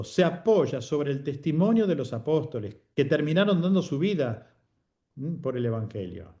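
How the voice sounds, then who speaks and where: A man's voice: a little high, mellow. A man teaching a Bible course, explaining patiently and often checking in with short tag questions.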